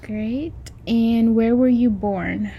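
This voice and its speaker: A woman conducting an oral history interview, asking polite, measured questions with a few fillers. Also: fairly high pitch, vocal fry, highs cut off, slight background noise.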